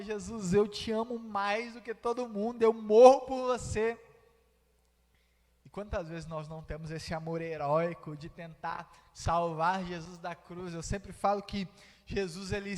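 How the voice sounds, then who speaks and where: A Brazilian man preaching a sermon in a church, explaining a text and acting out its dialogue, with a Brazilian Portuguese accent. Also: high voice. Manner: explanatory, acts out quoted dialogue. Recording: reverberant church hall.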